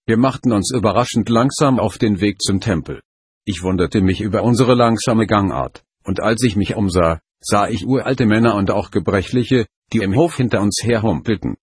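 A man reading a first-person story aloud in a steady, measured way. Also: lowish voice, breathy edge, no echo, studio quality. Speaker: audiobook narrator. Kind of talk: scripted first-person narration.

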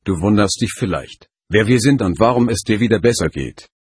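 A man voicing a calm, commanding, otherworldly being who speaks with measured authority. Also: on the low side, husky, no room sound, clean studio sound.

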